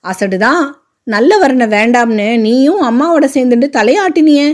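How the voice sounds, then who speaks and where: A bossy, sharp-tongued old grandmother scolds bluntly in a storybook reading, as a woman narrator puts her on. The voice stays fairly high and close to the reader's own. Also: expressive, normal speed. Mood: scolding.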